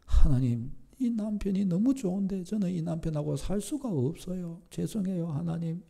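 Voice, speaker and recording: A man voicing a tearful young wife pleading in prayer, soft and pleading. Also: sits high, gravelly, voice pushed up.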